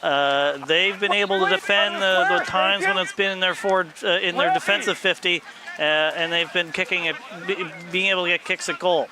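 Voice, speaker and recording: A man commentating a live football match outdoors, measured and often hesitating with fillers. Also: sits high. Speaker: colour commentator. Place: outdoors beside a sports field. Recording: outdoor field with loud background noise.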